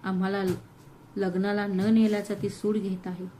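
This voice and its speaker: Woman voicing a bitter mother-in-law, shrill, accusing, mellow-toned, storybook reading. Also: little pitch movement, moderate pace, a little hiss or hum, close to an everyday voice, rough recording.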